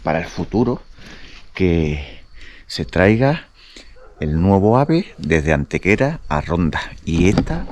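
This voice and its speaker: A man talking casually and haltingly as he vlogs a night exploration outdoors. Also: low-pitched, sing-song, darkish tone. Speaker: vlogger. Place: outdoors at an abandoned train station at night. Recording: outdoor night recording with noise.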